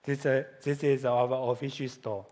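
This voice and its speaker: Speaking halting English with a Chinese accent, this native Chinese man gives a conference presentation full of restarts and self-corrections. His medium-pitched voice barely moves in pitch and has a slightly mellow quality.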